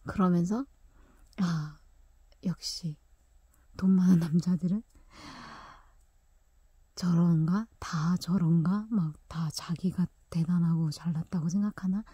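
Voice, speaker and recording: A young woman tells a story from her own life in a casual, chatty way, laughing often and slipping into quiet whispered asides. Her voice is husky and mellow. She is recorded close up in a dry room. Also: fairly low pitch, fairly even intonation, takes it slowly, long pauses, no echo.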